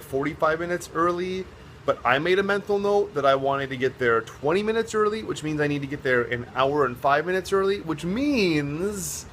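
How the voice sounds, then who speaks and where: A man's voice: mid-range voice, fairly bright tone, a little hiss or hum. A man chatting casually to his vlog viewers, rambling and self-mocking as he jokes along. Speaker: vlogger, drag performer. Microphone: phone on a stand.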